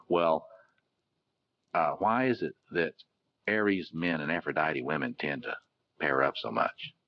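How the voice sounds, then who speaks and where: A man with a very deep voice delivers a discursive academic lecture, stopping often to restart his sentences. The recording is muffled and lo-fi. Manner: many filler "uh"s and restarts, discursive.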